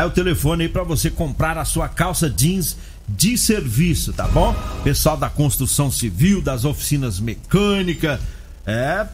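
A man pitches products live on radio. His delivery swings up and down and stays chatty and informal, over a music bed. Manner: chatty, repeats tags like "tá?" and "viu?". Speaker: radio host reading live ads. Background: background music.

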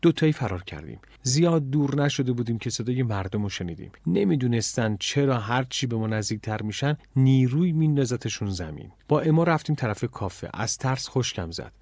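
A man reads a story aloud in the first person, keeping an even, measured tone. His voice sits at a middle pitch. The close recording has no room echo. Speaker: audiobook narrator. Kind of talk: storytelling audiobook narration.

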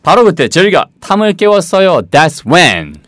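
A man teaching English in a lively way, explaining in Korean and acting out story lines in a high voice. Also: a little slow, dry recording, clean studio sound. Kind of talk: bilingual English lesson.

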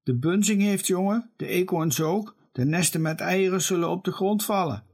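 A man voicing a young, tender-hearted boy in a read-aloud storybook, pitching his voice up and speaking breathily. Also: normal speed, breathy edge. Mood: upset.

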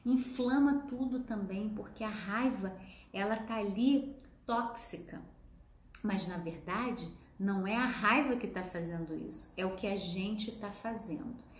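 A woman who hosts a self-help talk and gently guides viewers, speaking to them directly. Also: mid-range voice, unhurried. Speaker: host, emotional wellness guide. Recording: roomy echo, faint ambience.

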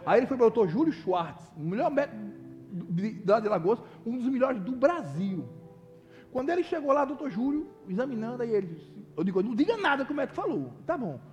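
A man preaching, telling a story with lively, animated delivery and acting out other people's voices. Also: extremely high pitch, brisk, big-room sound, faint music behind. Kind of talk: sermon testimony.

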